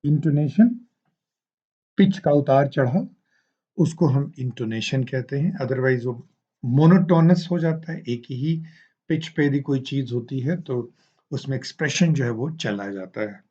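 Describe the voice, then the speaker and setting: A man giving a recorded teaching lecture, explaining slowly and deliberately with hesitant fillers. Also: medium pitch, warm tone, breathy edge, highs cut off. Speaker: teacher educator.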